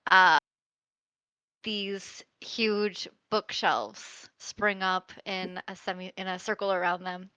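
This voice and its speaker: Slow, bright-voiced woman player, slightly dull lo-fi mic. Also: medium pitch, no echo. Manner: unhurried, frequent ums and giggles. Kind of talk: narrating her character in a tabletop game.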